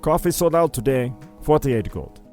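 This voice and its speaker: A man voicing a snooty, short-tempered male elf baker who yells and spits his words through gritted teeth. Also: deep voice, wildly swooping pitch, unhurried, creaky, faint music behind, heavily acted. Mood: sneering.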